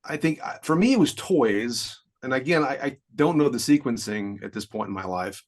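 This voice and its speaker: A man in his fifties co-hosts a podcast in relaxed conversation. He wanders through explanations, often chuckling as he goes. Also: mid-range voice, moderate pace. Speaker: podcast co-host. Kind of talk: casual chat.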